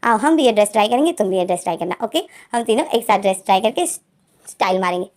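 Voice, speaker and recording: A woman's voice: mid-range voice, expressive, fast, a little mellow, voice pushed down, close to an everyday voice. Woman doing a pushy, teasing young woman. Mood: coaxing. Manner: coaxing, insistent.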